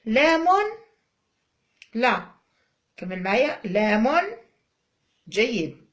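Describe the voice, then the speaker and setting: A woman's voice: medium pitch, lively intonation, slow, highs cut off. A woman with an Algerian Arabic accent teaching a phonics lesson to young children, drawing out each syllable and coaxing and praising the child.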